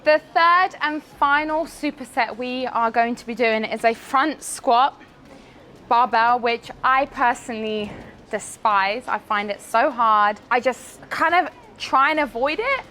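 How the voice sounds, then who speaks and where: A woman's voice: a little high, unhurried, bright, forceful tone, slight background noise. A woman fitness coach explaining a gym workout in a casual, upbeat way, out of breath, sometimes swearing. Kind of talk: workout vlog instruction.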